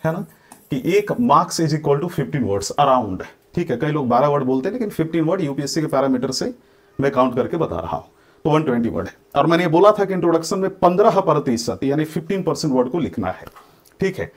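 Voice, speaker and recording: Man teaching while dictating slowly. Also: fairly high pitch, animated. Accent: Indian English. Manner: switches between Hindi and English, dictates answer lines slowly word by word; addresses students directly, checks they follow. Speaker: exam coaching teacher. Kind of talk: exam-prep lecture.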